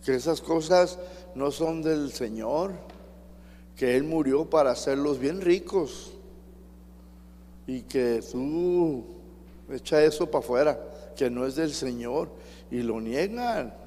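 Slow, emphatic Mexican preacher. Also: male voice, on the high side, mellow. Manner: emphatic, addresses the congregation directly. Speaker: pastor. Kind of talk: sermon. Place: church hall. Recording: reverberant hall with faint hum.

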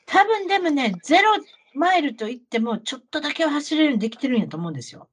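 A woman's voice: high voice, quick pace. A middle-aged woman with a Kansai Japanese accent, telling anecdotes in casual chat like a talkative auntie, often throwing questions to the listener. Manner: chatty, animated Kansai auntie storytelling with rhetorical questions. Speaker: podcast co-host telling travel stories.

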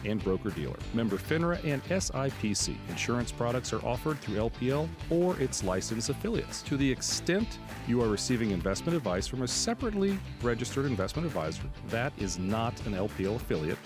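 A man's voice: mid-range voice, sing-song, brisk. An American man reads a scripted legal disclaimer as an announcer, reciting the fine print formally and without a break. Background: guitar music.

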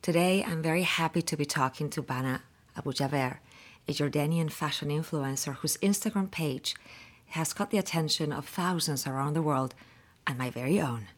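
A woman's voice: sits low, normal speed. A woman from Spain hosting a podcast interview, talking at length and rambling with restarts. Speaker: podcast host.

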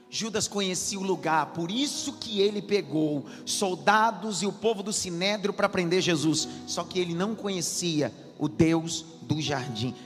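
Pastor, high voice, sermon building in fervor, reverberant church hall, soft music behind. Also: male voice. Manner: preaching with rising intensity, repeating lines.

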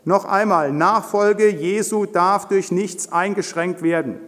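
Forceful high-voiced older preacher in a hall. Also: male voice, fairly even intonation, slow. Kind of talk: sermon. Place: church hall.

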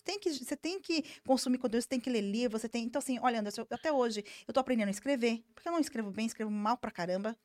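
Fast-talking, candid businesswoman. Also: on the high side. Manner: candid, emphatic, animated storytelling. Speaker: business owner. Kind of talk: casual interview talk.

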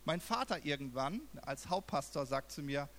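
A young male pastor preaches with lively storytelling, voicing the people in his story and swinging from quiet to loud. His voice sits a bit high for a man. A faint hum and hiss run under the recording. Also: normal speed. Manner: animated storytelling, acting out quotes with big swings in loudness. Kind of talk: sermon.

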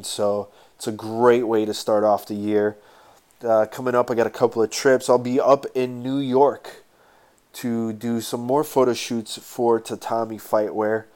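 A man with a lowish voice and very little rise and fall talks casually as a podcast host. His nose is stuffed up from a sinus cold, so he sounds congested and breathes through his mouth as he speaks. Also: darkish tone, smooth. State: stuffed-up nose, getting over a sinus infection. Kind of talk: casual solo podcast talk with sponsor plugs.

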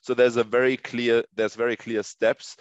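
A startup co-founder answers interview questions in a conversational, explanatory way, often checking in with "right?". His medium-pitched voice is level and at a normal speed, captured in muffled lo-fi audio in an echoey room.

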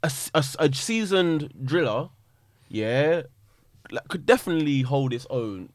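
A man's voice: fairly high pitch, expressive, unhurried, dry recording, studio quality. A man with an urban London accent, chatting casually, often questioning and repeating himself as he goes. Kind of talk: casual group chat about music.

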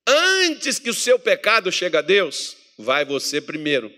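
A Brazilian man preaching a sermon to his congregation, joking with them between Bible readings and swinging from loud readings to low murmurs. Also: huge pitch swings, a little slow. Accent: Brazilian Portuguese. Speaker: pastor. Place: church meeting hall.

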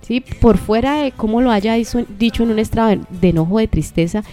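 Earnest woman teaching faith, soft music behind. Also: a little high. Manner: measured, earnest, many rhetorical questions and restarts. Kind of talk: reflective faith teaching in conversation.

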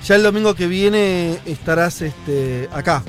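A man's voice: high voice, unhurried, soft background music. A man with a Rioplatense Spanish accent hosting a radio show in casual, joking chat, reading listener messages aloud.

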